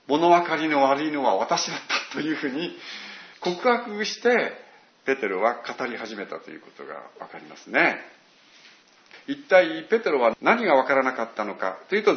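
A man's voice: mid-range voice, echoey room, muffled recording. A man preaching a sermon, telling it like a story with dramatic quoted asides. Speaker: pastor.

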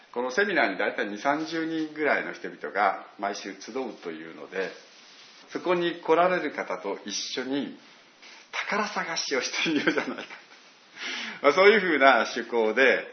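A man's voice: medium pitch, sing-song, moderate pace, echoey room, muffled recording, slight background noise. A man preaching a sermon, telling it like a story with dramatic quoted asides. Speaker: pastor.

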